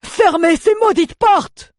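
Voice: medium pitch, animated, moderate pace, a bit bright, slightly rough, no echo, studio quality, pitched above the performer's own voice, full character voice. A narrator voicing a furious male army general who barks orders with contempt in an audiobook. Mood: shouting, furious. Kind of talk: audiobook character voice.

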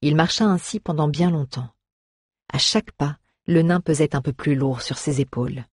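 A narrator reads a fantasy tale in an even, measured manner at a mid pitch. The voice is husky and breathy, captured close on a dry, dead mic. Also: dry recording. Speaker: audiobook narrator. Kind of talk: scripted narration.

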